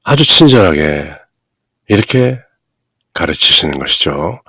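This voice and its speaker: A man leads a bilingual lesson on a devotional text, his voice low and gravelly. He reads slowly and deliberately, with long pauses between phrases. The recording is dry and close, with no room sound. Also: very animated, pushed and bright, no echo. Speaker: English reading teacher.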